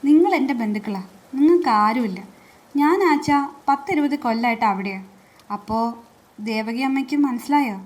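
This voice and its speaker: A woman's voice: high voice, normal speed, long pauses, natural voice. A woman voicing a confident middle-aged village man who arranges a marriage, talking in an assured, reassuring way.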